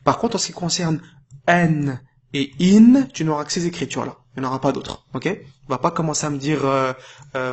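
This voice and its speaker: A man giving an informal lesson, patiently explaining, checking in often and drawing out syllables slowly when modelling sounds. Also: fairly high pitch, slightly rough. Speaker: Arabic reading teacher. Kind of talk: casual tutorial addressed to the viewer.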